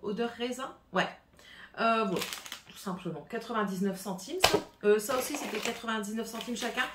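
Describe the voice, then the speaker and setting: A French-accented beauty vlogger chats casually to the camera at home about a shopping haul, rambling with lots of fillers and restarts. Her voice is fairly high and fairly quick, and the room sounds echoey with faint noise.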